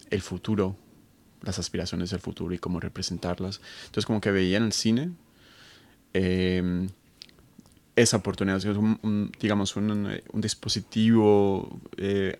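Interview guest from Colombia, thirties, deep and gravelly, reflective, restarts often. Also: male voice, level tone, a little slow, a little mellow. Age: 30s. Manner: thoughtful, many fillers and restarts. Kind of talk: conversational interview.

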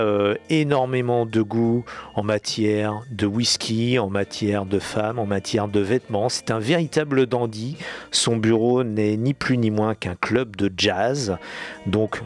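A man from France hosting a music radio show, talking informally and correcting himself as he goes. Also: mid-range voice. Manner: chatty, informal, self-correcting.

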